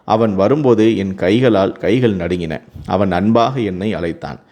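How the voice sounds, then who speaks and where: A man tells a dramatic family story as a first-person storybook narration. His voice sits fairly low and he reads in a steady, earnest way. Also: unhurried.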